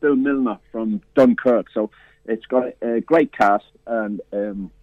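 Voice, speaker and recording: Speaking at a measured pace in a medium pitch, a man who programs a film festival talks films for a radio interview. The recording is dry, carried over a tinny phone line, and his talk is choppy, with many fillers and repeated restarts.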